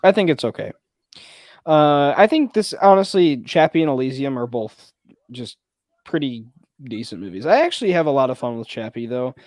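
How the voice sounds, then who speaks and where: A man's voice: medium pitch, expressive, moderate pace, darkish tone, dry recording, studio quality. A man chatting casually about movies, rambling and restarting his sentences. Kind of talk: casual film chat.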